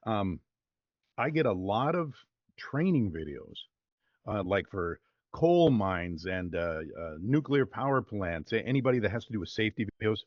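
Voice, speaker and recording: A man with a fairly low voice, chatting easily about his work in a relaxed, rambling way with plenty of fillers. The sound is dry and a little dull, like a video call. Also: normal speed, dry recording. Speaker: voice-over artist guest. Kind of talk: casual interview chat.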